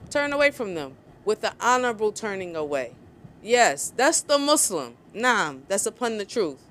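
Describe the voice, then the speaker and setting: A woman's voice: medium pitch, sing-song, normal speed, fairly bright tone, a little hiss or hum. A woman vlogger, giving angry, sarcastic opinion commentary. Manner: heated, sarcastic, mocks others in put-on voices.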